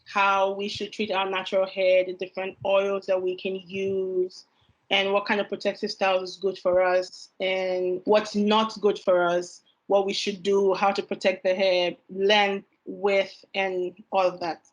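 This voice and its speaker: A woman in her twenties hosts a panel discussion, her voice held level with little rise and fall. She lays out her questions slowly and carefully. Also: mid-range voice, completely flat delivery, dull audio. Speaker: podcast host. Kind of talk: hosting a panel podcast.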